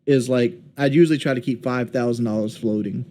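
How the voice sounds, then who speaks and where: A man in his late thirties in a casual voice chat, rambling candidly and haltingly. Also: mid-range voice, steady tone, a crowd in the background. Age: 30s. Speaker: streamer.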